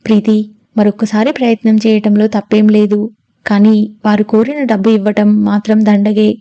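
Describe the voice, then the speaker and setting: A woman reading the part of a calm male lawyer who soothes and reasons gently in a storybook reading. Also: mid-range voice, moderate pace, no room sound, dull audio, close to an everyday voice.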